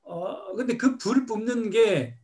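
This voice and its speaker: Reflective man with a lively, higher voice. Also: a little slow. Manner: reflective, storytelling, acts out scolding himself. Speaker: meditation teacher answering questions. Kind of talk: question-and-answer talk.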